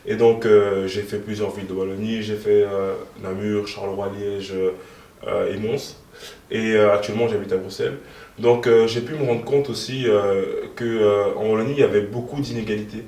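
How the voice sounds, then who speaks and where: A young man in his twenties gives interview answers in a lowish voice, pausing often and filling gaps with ums. He sounds set back from the mic. The room around him is echoey. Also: fairly even intonation, warm tone, far from the mic. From moved to Belgium in 2013. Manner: hesitant, many fillers. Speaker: guest, youth party co-president.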